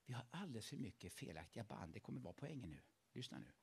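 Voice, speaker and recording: A male pastor preaching a sermon, animated and emphatic, repeatedly urging listeners to listen closely. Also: lowish voice, vocal fry, husky.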